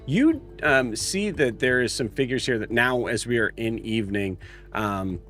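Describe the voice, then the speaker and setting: A man narrating a tabletop game as game master, casual and halting as he searches for words. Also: medium pitch, lively intonation, a bit bright. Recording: music playing behind.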